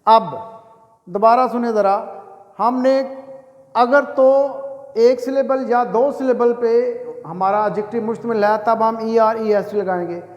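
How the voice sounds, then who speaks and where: A man teaching English grammar, dictating example sentences slowly and deliberately, then asking questions and answering them himself. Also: very high voice, fairly even intonation. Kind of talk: grammar lesson. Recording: echoey room with long reverb.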